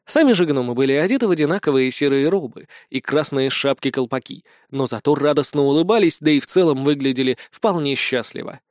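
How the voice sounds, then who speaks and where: A man narrating a first-person comic fantasy audiobook in an even storytelling read. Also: medium pitch, brisk, few pauses, no echo, studio quality.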